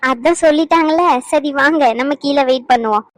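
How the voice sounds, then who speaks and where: A woman voicing an elder sister-in-law in a cartoon, calm and matter-of-fact. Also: sits high, brisk, dry recording, close to an everyday voice. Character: older sister-in-law, practical and brisk.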